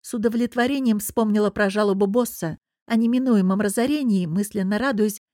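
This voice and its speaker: A woman reading a first-person novel aloud in a wry, lively storytelling manner. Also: mid-range voice, brisk, no room sound, studio quality. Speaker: narrator. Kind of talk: first-person audiobook narration.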